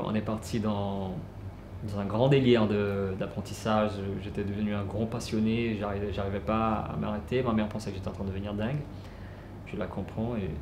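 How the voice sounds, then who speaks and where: A man telling his life story casually, unhurried, with many fillers and restarts. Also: lowish voice. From French Guiana. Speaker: musician. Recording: roomy with clear background noise.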